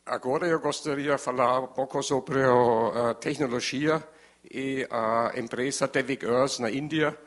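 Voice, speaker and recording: Slow, halting man with a German accent. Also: medium pitch. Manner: halting, searching for words in non-fluent Portuguese. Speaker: presenter. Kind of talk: formal presentation.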